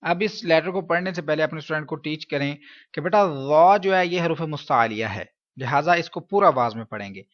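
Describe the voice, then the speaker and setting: A man with a Pakistani Urdu accent teaches Quran reading, spelling out letters in slow, drawn-out drills and checking in with "okay?" along the way. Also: on the high side, animated, muffled recording. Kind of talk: step-by-step recitation lesson.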